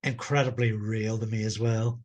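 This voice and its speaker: A man co-hosting a podcast, chatting casually and explaining things in a measured way. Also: on the low side, flat delivery, a little mellow. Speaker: podcast co-host. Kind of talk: casual chat.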